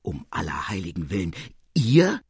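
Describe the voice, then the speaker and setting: A man reading the part of a distraught older noblewoman who pleads and cries out emotionally, in a husky voice. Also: mid-range voice, normal speed, darkish tone, no room sound, studio quality. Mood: pleading.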